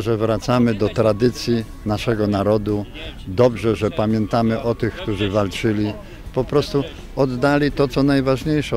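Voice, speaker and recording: A man's voice: fairly low pitch, mellow. A man in his seventies giving an interview answer outdoors into reporters' microphones. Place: outdoors in a town square. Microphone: handheld reporters' microphones.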